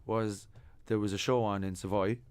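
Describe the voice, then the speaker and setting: Podcast guest: Irish man with a lowish voice, lively anecdotes, acts out quoted lines. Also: normal speed. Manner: animated storyteller, quotes others in lively bursts. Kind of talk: casual chat. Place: music studio.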